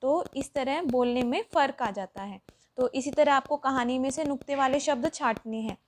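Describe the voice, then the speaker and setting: A woman with a high voice walks children through a worksheet lesson. She explains patiently and step by step, pausing on each example. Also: a little hiss or hum. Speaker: teacher.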